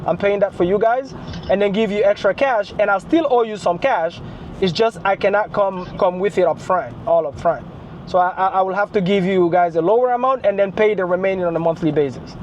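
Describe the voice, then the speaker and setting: Man, high-pitched, explanatory investor pitching terms on a three-way phone call, faint noise behind. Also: a little fast. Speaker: real estate investor.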